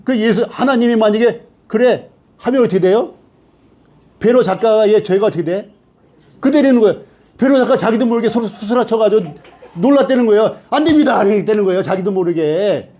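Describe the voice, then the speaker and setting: A man's voice: high-pitched, fairly quick, dark tone. A man teaching a Bible study class who keeps asking the class questions and then answering them himself.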